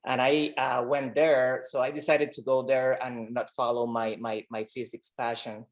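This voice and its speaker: A man from Rico speaks as a podcast guest, in a mid-pitched voice. He talks earnestly and haltingly, often repeating words as he gathers his thoughts. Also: flat delivery. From Puerto Rico. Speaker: pediatric oncologist guest. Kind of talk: conversational interview.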